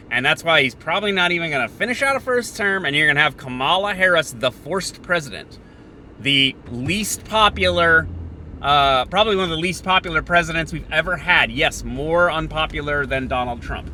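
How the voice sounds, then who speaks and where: A podcast host with a fairly high-pitched male voice thinks aloud through a sardonic, opinionated political monologue, alternating between halting pauses and sudden bursts. A little hiss or hum can be heard.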